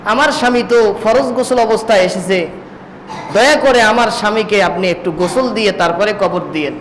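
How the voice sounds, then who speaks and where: A man's voice: sits high, normal speed, fairly bright tone, big-room sound, slight background noise, poor audio. A man voicing a grieving young widow in a sermon story, in his own voice. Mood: pleading.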